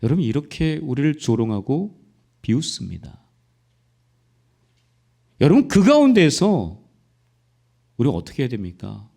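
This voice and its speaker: A male pastor preaching a sermon, with impassioned delivery that rises to near-shouting peaks and direct rhetorical questions to the congregation. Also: medium pitch, very animated, unhurried, vocal fry, pauses often.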